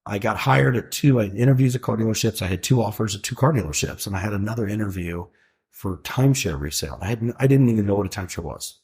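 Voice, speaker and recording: A man in his forties, a food truck owner, appears as a guest in a casual interview, rambling with many fillers and restarts. His voice is lowish and a little mellow.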